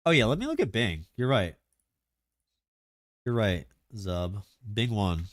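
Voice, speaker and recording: A man streaming live, chatting casually and excitably about game mechanics, rambling with lots of filler words. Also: fairly low pitch, a little slow, dry recording, studio quality.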